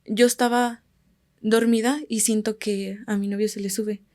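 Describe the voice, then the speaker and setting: On a podcast, a female guest from Guerrero, Mexico, tells a casual story in a Mexican Spanish accent. Her mid-pitched voice stays calm at a normal speed, and her phrases often trail off to almost a murmur as they end.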